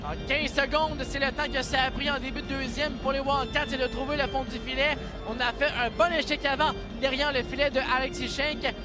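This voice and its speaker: A man with a Quebec French accent giving excited sports commentary as an ice hockey play-by-play announcer, urgent and ready to burst into shouts. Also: extremely high pitch, brisk, hardly any pauses. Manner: urgent calls that burst into shouts on shots and goals. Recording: loud arena crowd and music behind. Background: cheering crowd and arena music.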